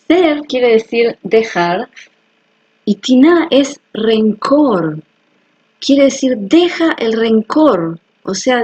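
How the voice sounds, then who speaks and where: A woman's voice: a little high, darkish tone, slightly rough, muffled recording. A woman hosting her own video, explaining things to viewers in an earnest, personal way and checking that they follow. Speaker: health video host. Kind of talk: casual explanatory talk to viewers.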